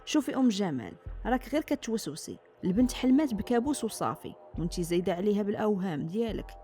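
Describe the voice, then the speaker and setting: A skeptical middle-aged father from a spoken storybook tale, voiced by a woman narrator. He speaks with a Moroccan accent and brushes fears aside. The delivery is fast and dark in tone. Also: mid-range voice, expressive, soft background music, natural voice. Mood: dismissive. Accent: Moroccan Arabic.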